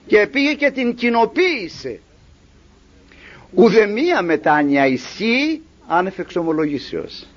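A high-voiced man preaching with a lively, swooping delivery. He acts out little dialogues along the way. The recording is dull and lo-fi. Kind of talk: sermon.

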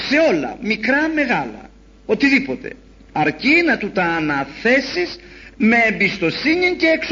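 A man preaching a sermon in an animated storytelling way, acting out the voices he quotes. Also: high-pitched, a little hiss or hum. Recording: dull lo-fi recording.

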